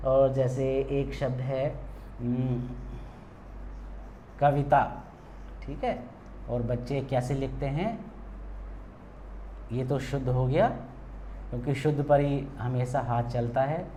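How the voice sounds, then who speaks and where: A man teaching a patient spelling lesson, saying words slowly and checking in often with his students. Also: medium pitch, dark tone, a little hiss or hum.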